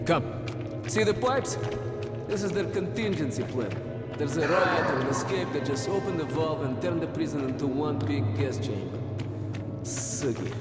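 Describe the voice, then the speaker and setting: A man's voice: sits high, sing-song, normal speed. A man voicing a scrappy, talkative soldier and chummy escape partner in a video game. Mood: wary, conspiratorial. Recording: echoey hall reverb, background music.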